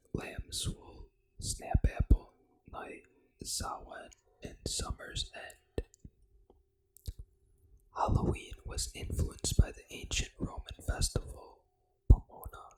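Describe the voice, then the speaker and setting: This video game ASMR host whispers throughout, breathy and completely unvoiced, never slipping into ordinary speech. The pitch is very high, the pace soft, deliberate and unhurried, and the recording is rough.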